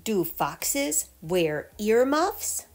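Reading a picture book to children in a teacherly way, a woman poses and answers questions emphatically in clear storytelling style. She speaks extremely slowly in a mid-range, slightly mellow voice with big pitch swings, over faint music.

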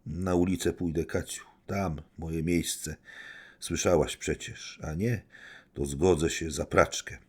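A man's voice: sits low, fairly even intonation, takes it slowly, darkish tone, breathy edge, heavily acted. A man reading an audiobook, voicing an imperious, defiant young society woman in a raised, commanding tone. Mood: bitter.

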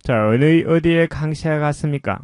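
A man teaching English pronunciation, explaining slowly and patiently in a lesson voice-over. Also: fairly high pitch, darkish tone, clean tone, dry recording, clean studio sound.

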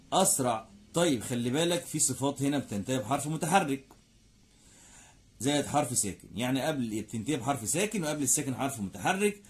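A man with an Egyptian Arabic accent teaching an English grammar lesson, saying each word in English and then in Arabic and asking and answering his own questions. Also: medium pitch. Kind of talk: classroom lesson explaining grammar.

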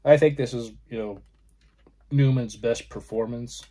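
A man hosting his own film channel, casually showing his disc collection in halting, rambling talk with frequent pauses. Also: medium pitch, fairly even intonation, mellow. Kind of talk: casual video collection review.

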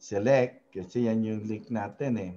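A man leads a relaxed screen-share tutorial, pausing often and checking in with tag questions. His voice is mellow and dark. The audio is dull and lo-fi. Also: lowish voice. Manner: hesitant, many fillers, frequent tag questions. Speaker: web design tutorial host. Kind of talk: casual screen-share tutorial in mixed Tagalog and English.

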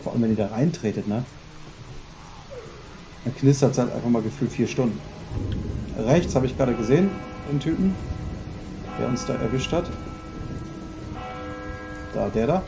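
A man's voice: medium pitch, normal speed, gravelly, long pauses, music in the background. A man narrating a horror game as let's play host, chatty and dropping English exclamations into his German.

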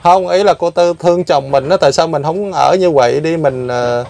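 A male interviewer with a somewhat high voice. He asks his questions gently and patiently and repeats them when they are not heard. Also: normal speed, gravelly. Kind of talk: casual interview.

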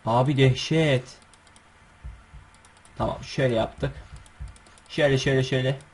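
A man hosting his gaming channel, giving chatty, excitable gameplay commentary full of coaxing calls and slangy asides. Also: mid-range voice, normal speed, breathy edge.

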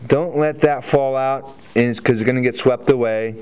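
A man's voice: mid-range voice, steady tone, moderate pace, a little mellow. Chatty man in a roomy showroom. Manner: chatty, upbeat, walks and gestures while explaining. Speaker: hot tub store owner. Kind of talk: casual how-to demo. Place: spa showroom, indoors, large. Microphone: camera on tripod at a distance. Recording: roomy showroom audio, camera mic from a distance.

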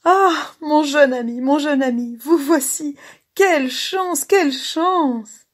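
A woman's voice: on the low side, normal speed, darkish tone, slightly rough. Woman voicing a stammering old male Latin tutor. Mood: overjoyed. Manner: stammering, hesitant. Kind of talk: dramatized story reading.

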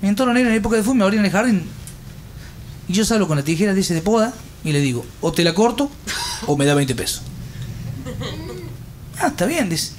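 A man from Córdoba, Argentina, with a Cordoban accent, telling rapid-fire stand-up jokes and doing the characters' voices. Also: high voice, animated, a little hiss or hum. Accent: Cordoban Argentine Spanish. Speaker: stand-up comedian.

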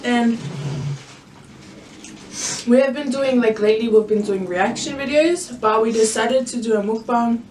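A woman's voice: a little high, measured pace, pauses often. A young woman co-hosting an eating show, chatting casually with a mouth full of food. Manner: relaxed, rambling, with fillers. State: talking while chewing. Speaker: co-host of a mukbang channel. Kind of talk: casual chat. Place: bedroom. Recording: echoey room, mic at a distance, light noise.

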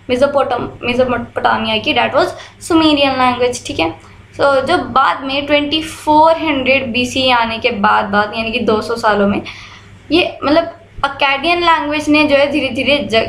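Woman teacher, indian accent, high voice, echoey room, lots of fillers while explaining. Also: fairly bright tone. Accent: Indian English mixed into Hindi. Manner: explains with everyday examples, many fillers. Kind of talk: exam-prep history lecture.

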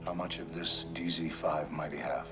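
An older American official in a film drama. His voice is very deep. He chairs the briefing gravely, with short, commanding questions. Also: flat delivery, normal speed, over music. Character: grave older male government chief, commanding and terse.

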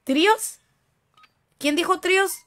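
Woman, Mexican accent, high voice, game streamer, playful teasing banter. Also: takes it slowly, background noise. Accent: Mexican Spanish. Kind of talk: casual gaming stream chat.

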